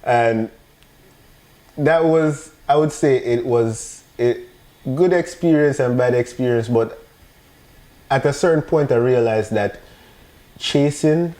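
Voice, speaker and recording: A man's voice: medium pitch, slow, pauses often, dark tone. A man from Jamaica with a Jamaican English accent, speaking as a podcast guest and telling personal stories casually, repeating phrases for emphasis.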